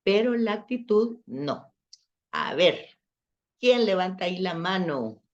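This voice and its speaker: A woman's voice: lowish voice, very animated, takes it slowly, muffled recording. A woman leading a church study session, explaining patiently with everyday examples and speaking directly to her listeners. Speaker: Bible class teacher.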